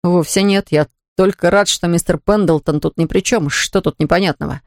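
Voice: medium pitch, normal speed, no echo, clean studio sound, natural voice. A reader voicing an ardent young man who earnestly begs his sweetheart. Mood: imploring. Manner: earnest, imploring.

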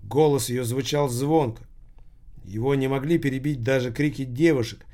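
Male audiobook narrator: measured, even reading, mid-range pitch.

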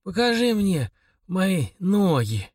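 A man voicing a dying, broken father who speaks in a weak, raspy whisper. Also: high voice, big pitch swings, takes it slowly, a little mellow, no room sound, studio quality, pitched above the performer's own voice, heavily acted. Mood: weak, pleading.

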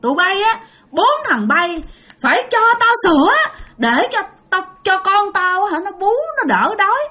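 A woman voicing a wailing one-legged female ghost, a dead mother hungry for milk, taunting in a shrill voice. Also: very animated, moderate pace, sharp tone, exaggerated voice.

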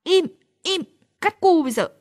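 A woman voicing a hot-tempered, clumsy teenage boy in an audiobook story, bossy and shouting. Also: sits high, lively intonation, unhurried, dry recording, studio quality. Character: brash clumsy teenage boy, loud and impatient. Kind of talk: audiobook character voice.

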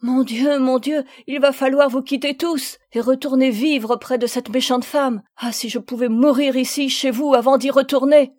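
A woman's voice: a little high, normal speed, warm tone, no room sound, natural voice. A woman voicing a timid nine-year-old girl in a storybook reading, pleading and tearful.

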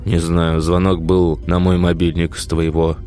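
A man doing a weak, gruff old father. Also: sits low, monotone, normal speed, dark tone, natural voice. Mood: weary. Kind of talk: audiobook character voice.

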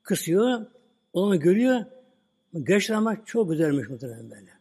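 Male preacher, slightly high and dark-toned, relaxed storytelling sermon, long hall reverb. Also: brisk, husky. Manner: relaxed retelling, "böyle" at line ends. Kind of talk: religious talk with storytelling.

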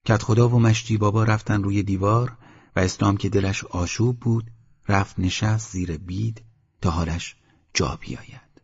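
A man narrates an audiobook in a steady, measured storytelling voice. His voice sits low and has a husky edge. The recording is dull and lo-fi. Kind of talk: scripted narration.

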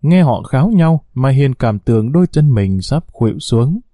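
A man narrating a social drama story in a steady reading voice. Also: medium pitch, moderate pace, dry recording, studio quality.

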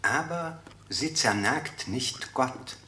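An actor playing a professor giving a slow, grave lecture heard over a radio in a radio play. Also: male voice, medium pitch, expressive, bright, forceful tone, a little hiss or hum, exaggerated voice.

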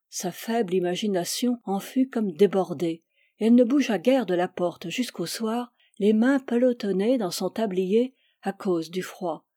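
A woman narrating a classic French short story in a measured, expressive reading. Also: medium pitch, no room sound, studio quality. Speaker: reader. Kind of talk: literary audiobook narration.

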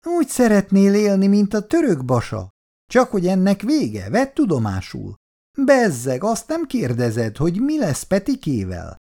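A woman reads a 1960s family story aloud as drama, taking the part of an irritable young wife and mother. Her dark-toned voice swoops wildly in pitch through shrill, reproachful complaints and hysterical bursts.

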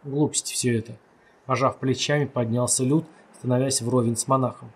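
A man reading a story aloud as narrator, steady and measured, lightly voicing the characters' lines. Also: mid-range voice, breathy edge. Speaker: audiobook narrator. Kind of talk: scripted narration.

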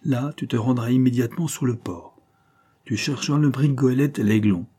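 A man's voice: mid-range voice, normal speed, warm tone, breathy edge, voice pushed up, natural voice. A man reading aloud and voicing a scheming, ruthless female adventurer with commanding, triumphant speech and hissed asides. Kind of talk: audiobook character reading.

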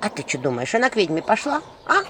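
A woman reading an audiobook, voicing loud, brash village women gossiping in the street. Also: mid-range voice, very animated, quick pace, slight background noise, pitched above the performer's own voice.

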